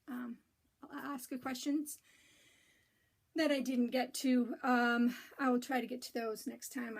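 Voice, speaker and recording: This is a high, raspy-voiced woman leading a relaxed show-and-tell about knitting and spinning. She wanders through her talk, stumbling into frequent ums and starting over.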